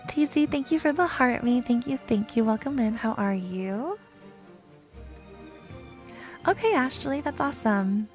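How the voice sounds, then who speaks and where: A woman's voice: on the high side, animated, moderate pace, soft background music. A woman streaming a video game in casual chat, giggly and chatty, greeting viewers by name.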